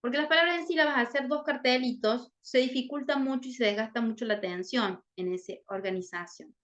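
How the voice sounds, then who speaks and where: Bright-voiced woman explaining a lesson. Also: on the high side, brisk, dull audio. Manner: checks in often with "¿sí?". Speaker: literacy teacher explaining a case.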